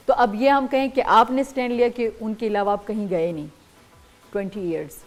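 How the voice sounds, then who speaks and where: A woman's voice: on the high side, fairly even intonation, soft background music. A woman hosting an interview, putting long questions to her guest and steering the conversation back on track. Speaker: interview host.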